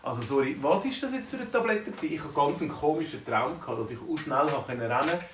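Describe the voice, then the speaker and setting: A man with a Swiss German accent voicing a small, excitable male dwarf in a bedtime story, full of excited exclamations. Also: on the high side, quick pace, lightly acted. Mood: puzzled. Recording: roomy, distant mic, faint noise.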